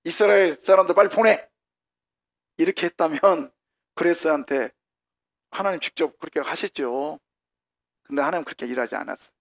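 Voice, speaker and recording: A man preaching a sermon as a pastor in a church, animated and shouting out lines of acted dialogue. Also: a little high, vocal fry. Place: church sanctuary.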